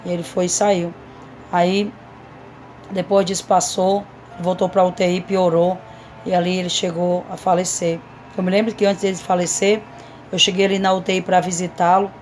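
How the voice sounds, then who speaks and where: Low flat-voiced woman testifying. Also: moderate pace, slight background noise. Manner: earnest, repetitive storytelling to a congregation. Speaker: missionary. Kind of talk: emotional testimony sermon.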